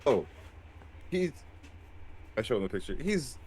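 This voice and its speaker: A man's voice: mid-range voice, big pitch swings, a little slow, darkish tone, breathy edge, no echo. Hesitant, stammering man at a game table. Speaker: player. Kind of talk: casual tabletop role-play.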